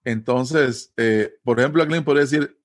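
A man's voice: mid-range voice, moderate pace. Costa Rican man explaining patiently. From Costa Rica. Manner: patient, repeats himself, frequent fillers and tag questions. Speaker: interviewee. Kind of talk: casual conversational explanation.

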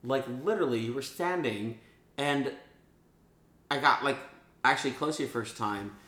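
A man's voice: medium pitch, normal speed, reverberant. A man in his thirties, podcast co-host, telling bawdy stories with lots of laughter. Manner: bawdy, laughing, animated storytelling. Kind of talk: crude comedic banter.

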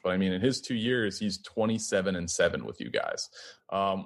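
Low-voiced male interviewer. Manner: conversational, building up to a question. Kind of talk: casual interview questions.

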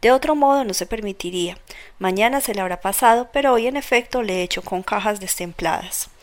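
A woman's voice: mid-range voice, a little fast, lightly acted. A woman reading the lines of a loyal, boisterous young male friend who talks bluntly and at length. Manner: blunt, talkative.

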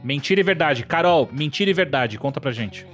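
A woman hosting a party game, briskly moving the players along. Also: low-pitched, expressive, faint music behind. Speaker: game host. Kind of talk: casual chat.

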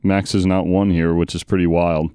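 A man co-hosting a casual sports podcast, chatting and reading out race stats quickly. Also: sits low, little pitch movement, dark tone, clean tone, dry recording, studio quality. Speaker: podcast co-host.

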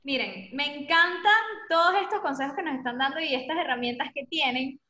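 A woman's voice: high-pitched, brisk, bright, forceful tone, echoey room. A woman host leading an interview, enthusiastic as she asks her guests questions. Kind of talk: interview hosting.

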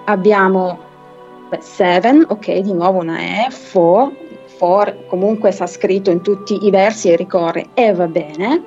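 A woman teaching an explanatory lecture, patiently breaking points down step by step and slowing down to read English verses aloud. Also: mid-range voice, darkish tone, muffled recording, faint music behind. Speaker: literature and phonetics teacher.

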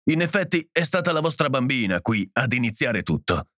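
A man's voice: mid-range voice, very animated, fairly quick, bright, forceful tone, no room sound, clean studio sound. A man playing a curt, irritated husband. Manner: curt, clipped. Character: curt, irritated husband defending his home.

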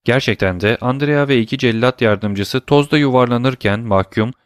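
A man narrating a classic novel as an audiobook in a measured, steady reading. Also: mid-range voice, smooth, no room sound, clean studio sound.

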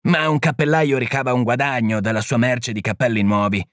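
A man's voice: medium pitch, fairly even intonation, fairly quick, a bit bright, no room sound, clean studio sound, natural voice. A man reading the part of a proud, impatient criminologist who talks brusquely and with scorn. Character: proud, impatient middle-aged male criminologist. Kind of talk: audiobook reading.

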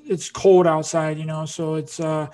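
A man's voice: fairly high pitch, little pitch movement, measured pace, mellow. A man hosting a podcast interview, telling a rambling story with lots of fillers and restarts. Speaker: podcast host. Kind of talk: casual interview chat.

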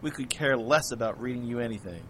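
A matter-of-fact male special agent with a dry wit, as a man plays him. His voice sits mid-range. A faint rumble hums behind him. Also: quick pace, a bit bright, lightly acted. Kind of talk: amateur audio drama acting.

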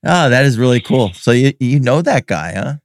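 A male podcast host who chats casually and backs up his guest with short, unhurried replies. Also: mid-range voice, sing-song, no echo, clean studio sound. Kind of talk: casual interview chat.

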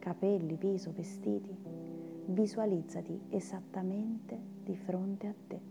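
Soft, half-whispering woman guiding meditation over music. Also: medium pitch, fairly even intonation. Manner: soft, soothing, slow delivery with breathy near-whispers. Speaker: meditation guide. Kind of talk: guided meditation. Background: meditation music with singing bowls.

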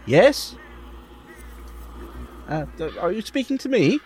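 A man's voice: high voice, sing-song, slow, darkish tone, voice pushed up, heavily acted. A man playing a flustered 1930s motorcycle traveller in a tabletop game, hesitant and stumbling over his words.

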